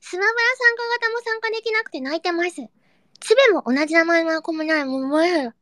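A young woman hosting a casual live audio chat, reading listener comments in a cutesy, excitable way and breaking into squeals and giggles. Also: very high-pitched, racing, no echo, clean studio sound. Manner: cutesy, baby-talk endings.

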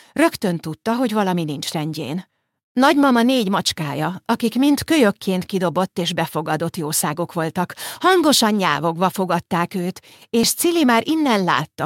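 A woman reads a novel aloud in a calm, measured way. Her voice sits fairly low, and the recording is dry and close, with no room sound. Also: no room sound. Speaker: audiobook narrator. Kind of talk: scripted narration.

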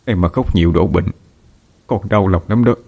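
A man as a sorrowful gentle father, low voice. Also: moderate pace, creaky. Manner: soft, consoling.

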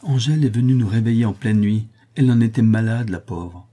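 A man's voice: lowish voice, fairly quick, warm tone, natural voice. A man voicing a caring, practical friend. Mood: reassuring.

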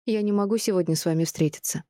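A woman's voice: mid-range voice, fast, dark tone, no echo, clean studio sound, natural voice. A woman voicing a grandmother in her forties who speaks earnestly and apologetically, rattling on when flustered.

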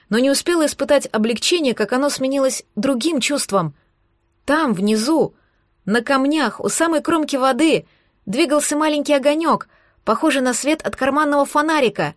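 A woman with a fairly high voice reads a novel aloud in the first person. Her narration is steady and expressive. The recording is dry and close, with no room sound. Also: dry recording. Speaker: audiobook narrator.

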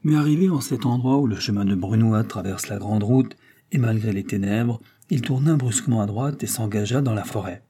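A man reads a novel aloud as an audiobook narrator, in an even, measured way. His voice is mellow and dark, with a husky grain. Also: fairly low pitch. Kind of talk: scripted narration.

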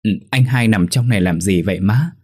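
A man's voice: fairly low pitch, a little fast, slightly rough. A man voicing a small girl who innocently asks her mother questions. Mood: innocent asking. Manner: naive questioning. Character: gentle little girl, innocent and confused.

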